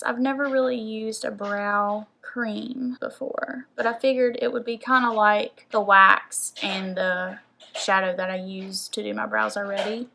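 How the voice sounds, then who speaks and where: A woman's voice: fairly high pitch, gravelly, bright, forceful tone, a little hiss or hum. A young woman from the American South, chatting casually as a beauty vlogger and saying "like" a lot. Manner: chatty, rambling, says "like" often. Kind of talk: casual makeup haul chat.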